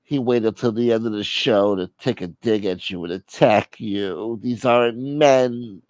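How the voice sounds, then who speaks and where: A sorrowful, vengeful old mob mother, put on by a man for a comedy bit, mumbling low and slow. She draws out every grievance in a dry, close sound. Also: a little mellow, dry recording, natural voice. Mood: brooding. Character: older gangster mother, mournful and vengeful.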